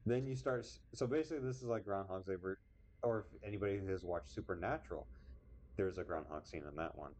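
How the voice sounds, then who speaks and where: Deep-voiced young man, joking around. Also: quick pace, darkish tone. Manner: joking, teasing. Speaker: podcast co-host. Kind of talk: casual chat.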